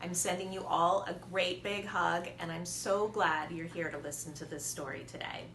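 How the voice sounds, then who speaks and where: A preschool teacher reads a storybook aloud to young children, placing her emphasis expressively and deliberately. Her voice is fairly low in pitch. The room is echoey, with faint noise in the background.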